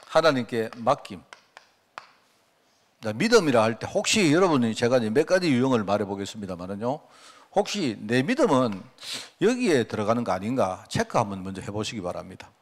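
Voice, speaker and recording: A man's voice: mid-range voice, big pitch swings, brisk. A man, a pastor, preaching a sermon in a conversational way, asking his congregation rhetorical questions and acting out quoted prayers. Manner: acts out quoted prayers and remarks.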